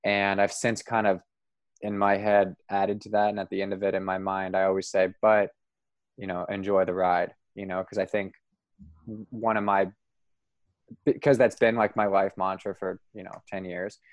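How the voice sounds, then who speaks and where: A man hosting a podcast interview, talking in a relaxed, rambling way and laughing easily. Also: deep voice, normal speed, dry recording, highs cut off. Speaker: podcast host. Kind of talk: casual interview chat.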